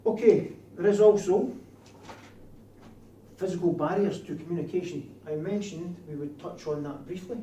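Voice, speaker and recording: With a warm tone and a voice that sits high, this Scottish man speaks at normal speed in a broad accent while training door supervisors, quizzing the trainees in his class. The recording comes from a distant mic in an echoey room with faint noise.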